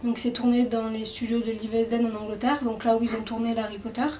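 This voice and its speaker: A woman's voice: fairly high pitch, little pitch movement, quick pace, warm tone, recorded from a distance, a little hiss or hum. A woman casually presenting a book, hesitant and full of fillers. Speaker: book reviewer. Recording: echoey room, away from mic.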